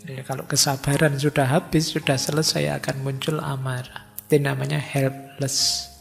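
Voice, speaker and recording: A man's voice: mid-range voice, level tone, moderate pace, vocal fry, soft background music. A middle-aged man giving a conversational philosophy lecture in a mosque hall, acting out the voices of students he quotes.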